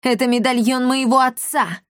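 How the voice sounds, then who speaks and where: A woman's voice: sits high, normal speed, dry recording, clean studio sound, pitched above the performer's own voice, close to an everyday voice. Storybook youth, voiced by a woman: bold, defiant, slightly raised. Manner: defiant, shouting. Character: bold young man, a hidden heir.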